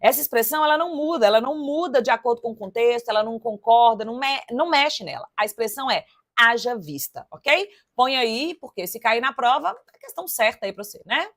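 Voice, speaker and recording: A woman teaching for an exam, working through test questions aloud in a lively, chatty way and speaking straight to her students. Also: a little high, quick pace. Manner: lively and chatty, addressing students directly, counting syllables aloud. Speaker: Portuguese teacher.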